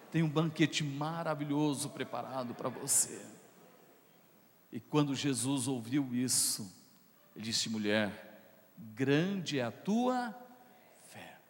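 Pastor preaching in a reverberant hall. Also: male voice, mid-range voice, a little hiss or hum. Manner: preaching with big swings between soft asides and loud shouted peaks; playful, jokes with the congregation. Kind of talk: sermon with call-and-response. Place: church hall.

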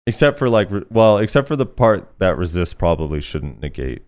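A man's voice: low-pitched, very animated, brisk, darkish tone. A man hosting a casual podcast, reading listener comments aloud in a laid-back way with plenty of fillers. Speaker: podcast host.

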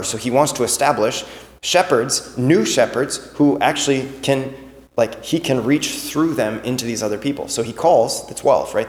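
Man preaching casually in an echoey church. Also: medium pitch. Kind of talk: conversational sermon. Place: large reverberant church interior. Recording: echoey hall with long reverb.

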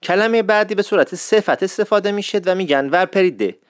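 Playful Isfahani-accented man, fairly high voice. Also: no room sound, clean studio sound. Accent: Isfahani Persian. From Isfahan, Iran. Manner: playful, chatty, teasing. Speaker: host. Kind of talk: casual explanatory monologue.

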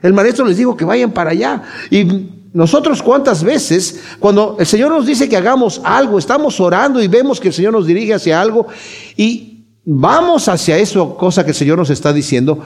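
A man preaching a sermon, animated, swinging between loud and hushed, acting out quoted voices as he retells. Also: high voice, normal speed, creaky, breathy edge. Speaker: pastor.

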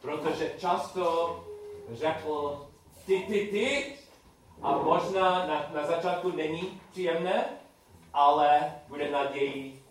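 A man leads a class with questions, haltingly and repeating himself in simple phrases. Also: on the high side, fairly even intonation. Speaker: teacher leading a Bible study class. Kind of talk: interactive lesson with questions to the group. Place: echoey room with a group. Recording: very echoey room, distant mic, faint noise.

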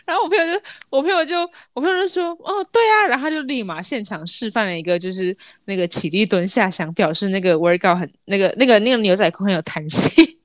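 A woman's voice: medium pitch, lively intonation, fast, few pauses, no room sound, studio quality. A young woman with a Taiwanese accent chats casually as a podcast co-host, telling anecdotes and acting out the dialogue. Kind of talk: casual chat, storytelling.

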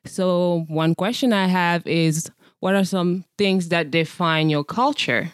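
A woman from the Democratic Republic of Congo, hosting a casual podcast chat and asking her guests lively questions. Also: fairly low pitch, slow pace, clean tone, no echo, studio quality. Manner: upbeat, asks questions to draw out guests. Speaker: podcast host.

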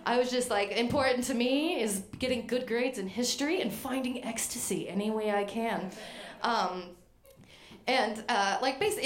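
A woman's voice: fairly high pitch, echoey room. A woman telling a self-deprecating comic story on stage, acting out other people's voices. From Maine. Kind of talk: live comedic storytelling.

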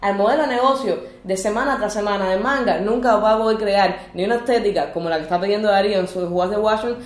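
A woman debating comics in a casual panel, insistent and quick to cut in. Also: medium pitch, echoey room. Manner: fast, insistent, interrupts to hold the floor. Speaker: podcast guest.

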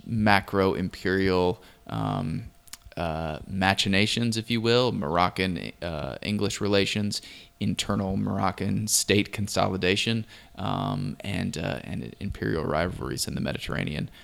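A man's voice: low voice, expressive, unhurried, vocal fry, a bit bright. A man hosting a podcast interview in a conversational, slightly hesitant way with bookish wording. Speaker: podcast host.

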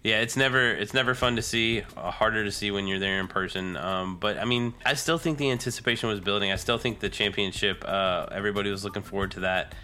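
A podcast co-host chats casually about motorcycle racing, peppering his informal talk with "dude" and sounding nasal and congested from a cold. His voice sits on the low side with a sharp tone, and he talks fast with hardly any pauses while faint music plays behind.

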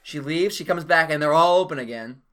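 A man with a bright, forceful voice pitched a little high, swearing and laughing as he talks through a film with friends. His talk is loose and jokey. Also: a little fast. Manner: profane, joking, laughs often. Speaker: podcast co-host. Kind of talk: casual movie recap chat.

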